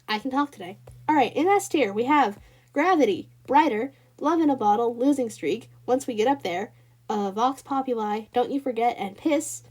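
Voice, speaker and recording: A woman with a Southern US accent and a slightly high voice hosts her own review vlog. She talks in a loose, rambling way, full of "like" and "uh" and restarted thoughts. She speaks straight to her viewers in a chatty tone. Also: a little mellow. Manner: rambling, lots of fillers and restarts; chatty, addresses viewers directly. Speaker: channel host.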